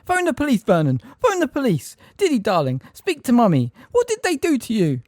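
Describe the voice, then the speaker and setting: A man doing a shrill, hysterical aunt. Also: huge pitch swings, fairly quick, no echo, clean studio sound, heavily acted. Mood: frantic, shrieking. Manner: screeching, frantic. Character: shrill hysterical aunt, middle-aged woman.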